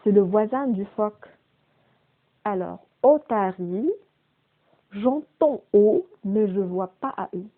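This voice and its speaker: A woman teaching a primary school phonics lesson, slowly repeating and stressing each word's sounds. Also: medium pitch, animated. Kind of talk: slow, deliberate remote phonics lesson. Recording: phone-quality, narrow-band audio.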